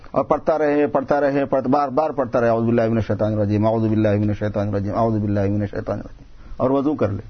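A man's voice: on the high side, lo-fi sound. A man giving a sermon, explaining patiently and repeating phrases for emphasis. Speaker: religious preacher.

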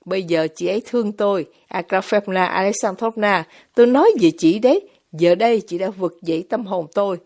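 A woman voicing a gentle, devout young man in an audiobook, speaking earnestly and firmly. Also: mid-range voice, fairly quick, close to an everyday voice. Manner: earnest, firm, heartfelt. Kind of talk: audiobook character reading.

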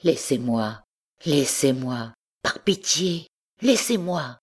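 A woman reading the lines of a tormented young husband who pleads to be left alone, in an audiobook, at a slow, unhurried pace. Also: rumbling low, vocal fry, a bit bright, slightly rough, exaggerated voice. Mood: anguished.

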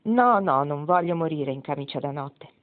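A spirited old grandmother on her deathbed speaks with dry, satirical wit, as a woman reads her part. Her voice sits on the low side. The recording is thin and tinny, like a phone line, in a storybook reading. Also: lively intonation, normal speed. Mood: wry. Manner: wry, satirical. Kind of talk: audiobook reading.

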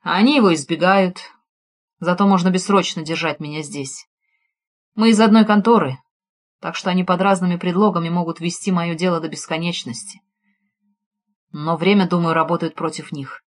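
A woman reading the lines of a calm, guarded imprisoned male officer in an audiobook, with a firm, weary delivery. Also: fairly low pitch, moderate pace, long pauses, close to an everyday voice.

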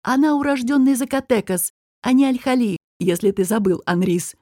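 A woman's voice: fairly high pitch, lively intonation, normal speed, dark tone, no room sound, studio quality. A woman voicing a bold male nobleman who speaks wryly and firmly.

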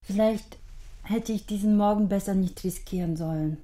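A woman playing an anxious, old-fashioned married lady in a radio drama, speaking in a gushing, soft way. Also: medium pitch, moderate pace, lightly acted. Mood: effusive.

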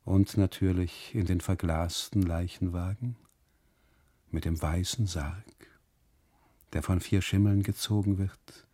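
An actor playing a brooding, ironic German husband who narrates a radio drama monologue in long ornate sentences. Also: male voice, low voice, fairly even intonation, a little slow, long pauses, warm tone, no room sound. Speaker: first-person narrator.

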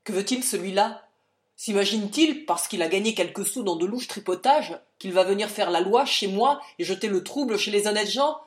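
A woman's voice: mid-range voice, normal speed, echoey room, lightly acted. Woman doing a raging rich old father. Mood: furious. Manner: bellowing, sputtering with rage. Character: blustering, wrathful rich old father, a financier.

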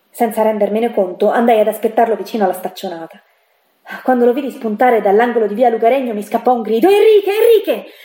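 A woman reading a novel aloud in calm, even first-person narration. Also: medium pitch. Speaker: reader. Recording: echoey room.

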